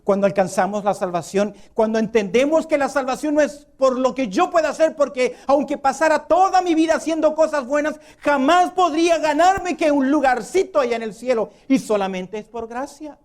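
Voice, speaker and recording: A preacher giving a sermon, asking rhetorical questions and swinging between loud emphasis and low, quiet drops. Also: brisk, hardly any pauses.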